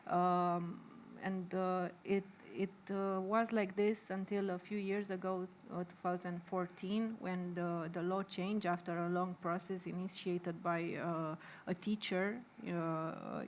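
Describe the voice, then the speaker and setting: A woman in her thirties with a Romanian accent, speaking on a discussion panel. Her voice sits fairly low and she hesitates, filling gaps with "uh". A faint hiss lies under the sound. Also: steady tone, measured pace, hardly any pauses. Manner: hesitant, many fillers, slightly nervous. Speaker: panelist for a humanist association.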